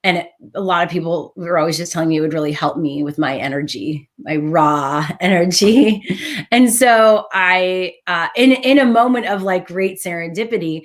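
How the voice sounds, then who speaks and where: A woman with a fairly low voice chats in a casual, reflective way. She explains herself earnestly and with animation, as if in an easy conversation. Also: moderate pace. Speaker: talk host.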